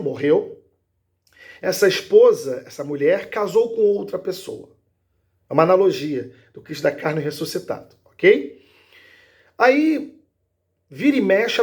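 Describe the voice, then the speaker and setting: A man's voice: high-pitched, darkish tone. A man, a pastor, giving an emphatic Bible teaching and checking in with his listeners as he goes.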